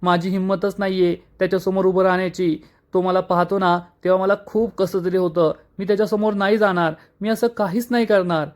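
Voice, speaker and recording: A terrified young woman begs for help in a rushed, pleading voice, as a man reads her lines. Her voice sits somewhat high and hurries along. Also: little pitch movement, close to an everyday voice. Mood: panicked.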